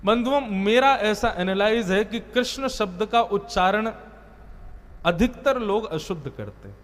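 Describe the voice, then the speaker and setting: A man's voice: high voice, animated, measured pace. A man delivering a sermon, telling a devotional story and chanting verses. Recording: long hall reverb with soft music behind.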